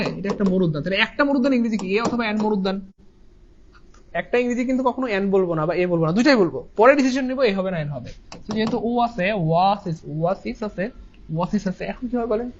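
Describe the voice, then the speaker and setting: A man's voice: high-pitched, a little hiss or hum. A man teaches an English grammar lesson, repeating his points and asking and answering his own questions. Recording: dull lo-fi sound.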